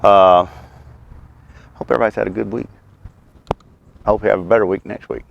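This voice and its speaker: A middle-aged man with a Southern US accent and a deep voice full of gravelly creak. He rambles along in an easygoing, folksy way with dry humor, talking as he puffs on a pipe. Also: fairly even intonation, lo-fi sound, a little hiss or hum. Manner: folksy, unhurried, wry humor; talks while puffing on a pipe. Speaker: host of a homestead and birdwatching channel. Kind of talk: rambling casual vlog chat. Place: outdoors.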